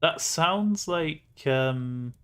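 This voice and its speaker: A man's voice: on the high side, animated, very slow, fairly bright tone, clean tone. A man streaming a game, reading the story aloud with playful, laughing asides.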